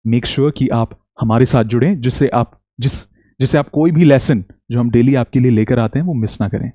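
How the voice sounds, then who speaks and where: A man teaching English pronunciation in Hindi, leading slow repeat-after-me drills and praising often. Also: medium pitch, mellow, dry recording, studio quality. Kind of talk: spoken English lesson in Hindi.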